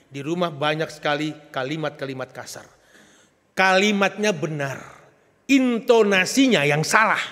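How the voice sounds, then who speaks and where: A male pastor preaching a lively, joking sermon with an Indonesian accent, swelling into loud emphatic bursts. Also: on the high side. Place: church sanctuary. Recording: long church reverb.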